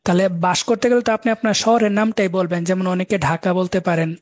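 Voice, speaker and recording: A man's voice: high-pitched, flat delivery, a little fast, no room sound, clean studio sound. A man from Bangladesh with a Bangladeshi Bengali accent, giving an online German lesson, patiently explaining words and spelling them out letter by letter. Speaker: German language instructor.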